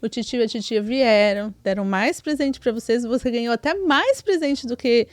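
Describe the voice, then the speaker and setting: Brazilian woman podcast co-host, lively storyteller, slightly high voice, dry close sound, soft music under. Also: moderate pace, no echo. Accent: Brazilian Portuguese. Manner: chatty, many tag questions. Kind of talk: casual storytelling chat.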